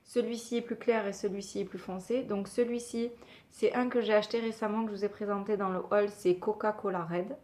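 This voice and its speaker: A woman's voice: mid-range voice, fairly even intonation, fairly quick, a little mellow. A woman talking casually as a beauty vlogger, chatty and hesitant with many fillers. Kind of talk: casual product review.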